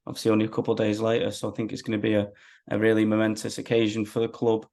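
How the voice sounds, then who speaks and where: Low, creaky young man. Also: monotone, rapid-fire, a little mellow. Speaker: football fan being interviewed. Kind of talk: casual interview chat.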